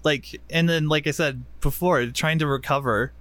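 A man's voice: on the high side, moderate pace, fairly bright tone, dry recording. A man co-hosting a casual chat podcast, laid-back and joking, often laughing as he talks. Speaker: podcast co-host.

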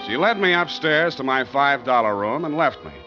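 Man acting wisecracking private detective, dry, tired, animated pitch, 1940s radio play, muffled, music behind. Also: normal speed, natural voice. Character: wry, tired hard-boiled male private detective. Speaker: narrator and lead. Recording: dull old radio recording with music.

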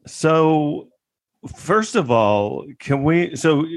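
A man who co-hosts a comedy podcast, joking around and wandering through his sentences. His pitch swings all over, and the recording is dry and close. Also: lively intonation, drawn-out words, no room sound. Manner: loose, joking, rambling. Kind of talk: casual joking chat.

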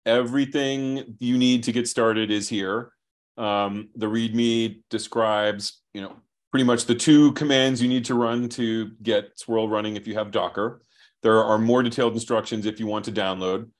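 Man explaining software over a video call. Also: lowish voice, fairly even intonation. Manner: brisk, thinks aloud with restarts. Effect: heard over a video call. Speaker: software company founder as guest. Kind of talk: explaining software while sharing screen.

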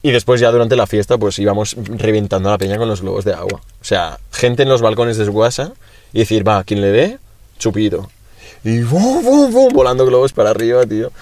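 A man's voice: fairly low pitch, brisk. Young man telling rowdy stories. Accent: Peninsular Spanish. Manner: animated storyteller, acts out voices and sound effects. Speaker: podcast co-host. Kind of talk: casual chat.

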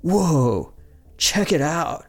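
A man voicing a dim-witted, crude teenage boy with a dopey, drawn-out delivery. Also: on the high side, animated, faint music behind, pitched above the performer's own voice, exaggerated voice.

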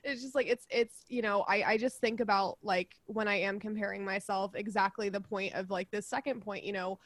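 A woman's voice: medium pitch, fairly even intonation, a little fast, fairly bright tone, dry recording. A young woman co-hosting a podcast, chatting casually and giggly, full of fillers and laughter. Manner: bubbly, giggly, lots of fillers. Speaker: podcast co-host.

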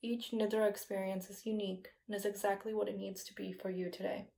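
Woman, slow hypnotic meditation guide, soothing, very even pitch, gravelly fry, soft phrase endings. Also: poor audio. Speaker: yoga nidra meditation guide. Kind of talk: guided meditation, scripted relaxation narration.

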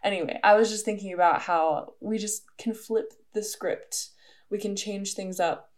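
A woman's voice: mid-range voice, fairly even intonation, moderate pace. A young adult woman hosting a solo podcast, talking in a casual, earnest way with many fillers. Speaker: podcast host.

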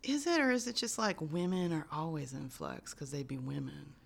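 A woman's voice: low-pitched, big pitch swings, moderate pace, vocal fry, breathy edge. A woman co-hosting a podcast, making wry, profane jokes in casual chat. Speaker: podcast co-host.

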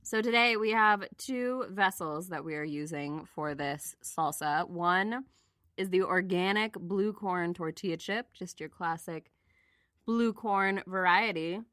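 Woman co-host, bright dry voice, giggly casual snack banter. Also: fairly low pitch, a little slow, no echo. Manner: giggly, playful, reads packaging aloud. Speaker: co-host of a snack taste-test show. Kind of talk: casual chat.

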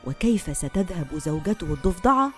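A woman telling a folk tale as a host, in an expressive fireside storytelling manner. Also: fairly low pitch, fairly quick. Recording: music under the voice.

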